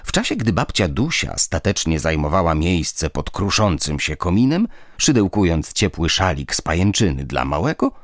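Guy reading an audiobook, low voice, really animated, dry close sound. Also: dry recording. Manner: lively storytelling. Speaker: audiobook narrator. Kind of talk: scripted narration.

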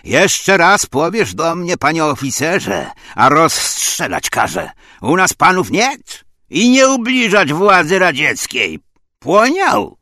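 A man's voice: medium pitch, sing-song, measured pace, gravelly, bright, forceful tone, breathy edge, no room sound, studio quality, heavily acted. A man voicing a stern, angry Soviet officer interrogator who speaks Polish with a Russian tinge and barks threats and orders. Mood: furious.

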